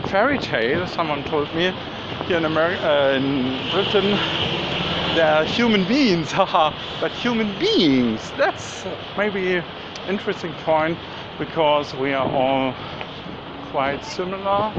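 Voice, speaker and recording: A man whose first language is German rambles in English at an unhurried pace, his voice sitting a little high. He drifts from thought to thought with fillers and restarts. Loud city and boat noise surrounds him on a dull, muffled recording. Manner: slow, meandering, many fillers and restarts. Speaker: vlogger. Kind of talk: rambling spoken musing.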